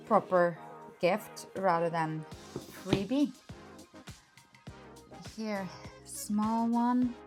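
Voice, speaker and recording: A woman lifestyle vlogger with an upbeat, enthusiastic manner, chatting casually and narrating her days. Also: medium pitch. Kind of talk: casual vlog narration and haul chat.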